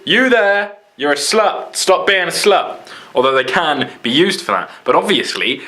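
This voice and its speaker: Blunt, sarcastic young British man. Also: on the high side. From Britain. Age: young adult. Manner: animated, swings into mocking quoted voices; blunt, sarcastic, swears freely. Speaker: vlogger. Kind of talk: unscripted casual vlog monologue.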